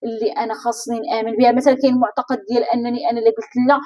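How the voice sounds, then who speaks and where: A woman's voice: on the high side, level tone, rapid-fire, dark tone. A woman life coach with a Moroccan Arabic accent gives a motivational talk, speaking straight to the listener and asking many rhetorical questions.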